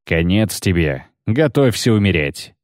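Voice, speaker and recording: A man's voice: deep voice, very animated, a little slow, darkish tone, no echo, clean studio sound. A man voicing a menacing older bounty hunter who growls and sneers.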